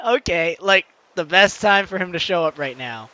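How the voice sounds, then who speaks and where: This host narrates a video game in a high, very animated voice, bright and forceful, mixing excited commentary with playful teasing and exclamations directed at the audience. Music plays beneath his measured delivery, and the sound is lo-fi.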